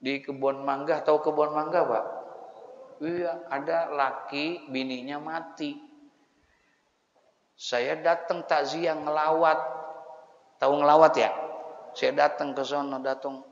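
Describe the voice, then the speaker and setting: A man's voice: a little high, fairly even intonation, slow, long pauses. A male preacher with a Betawi accent telling a joking story in a sermon, folksy and quizzing his listeners. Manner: folksy, joking, asks the audience questions. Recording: echoey hall, dull lo-fi sound.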